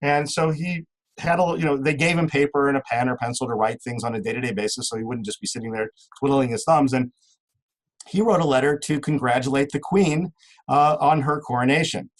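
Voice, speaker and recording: A man's voice: mid-range voice, brisk, poor audio. A man talking as a guest in a casual interview, rambling with many restarts and fillers.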